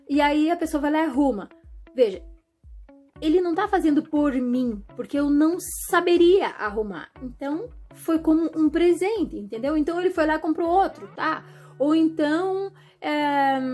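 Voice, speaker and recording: A woman talking to her viewers in a chatty, animated way, often acting out what other people say. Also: high-pitched. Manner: chatty, animated, acts out quoted voices. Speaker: vlogger. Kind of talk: casual monologue to camera.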